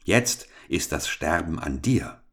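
A man's voice: extremely low pitch, expressive, takes it slowly, a bit bright, slightly rough, exaggerated voice. A man voicing a fearless, cheeky young lad in a read-aloud fairy tale, sounding carefree and cocky. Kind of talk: storybook reading.

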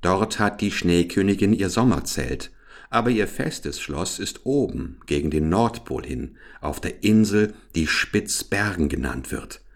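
Tethered reindeer, proud, longing, low voice, voiced by a man, storybook. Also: lively intonation, unhurried.

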